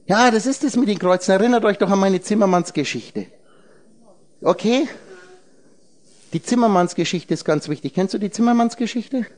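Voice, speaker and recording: High-voiced man giving a rambling esoteric lecture. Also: normal speed, pauses often, darkish tone. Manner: rambling, explains words through letters and numbers; talks directly to listeners with questions. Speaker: speaker addressing a group.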